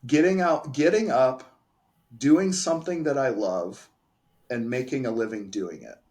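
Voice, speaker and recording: A man's voice: mid-range voice, measured pace, darkish tone. A man, a pharmacy owner, giving candid and emphatic answers in a casual interview. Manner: candid, emphatic, restarts phrases.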